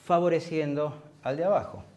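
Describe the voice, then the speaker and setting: A man's voice: fairly high pitch, moderate pace, warm tone. A man with a Rioplatense Spanish accent teaching music theory, explaining meter and counting beats aloud. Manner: counts beats aloud over piano playing. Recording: piano playing behind the voice.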